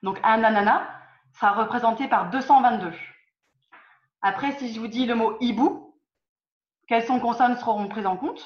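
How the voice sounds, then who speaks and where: A woman with a fairly high-pitched voice teaches an online group lesson over video call, patiently quizzing students and often repeating or restarting phrases. She talks at a moderate pace with long pauses. The call audio is roomy, dull, and lo-fi.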